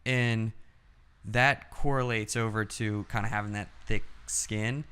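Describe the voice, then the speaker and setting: A male podcast host from the East Coast talks in a fairly low voice. He asks loose, rambling questions and keeps affirming his guest. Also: fairly even intonation, measured pace, pushed and bright, clear, resonant tone. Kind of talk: casual interview questions.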